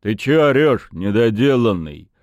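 Man doing a gruff unshaven thug. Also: mid-range voice, animated, a little slow, mellow, no echo, highs cut off, close to an everyday voice. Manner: gruff, muttered through clenched teeth. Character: grim unshaven middle-aged thug.

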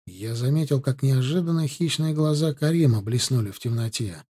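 A man narrating an audiobook in the first person, in a measured, steady storytelling manner. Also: medium pitch, slightly rough.

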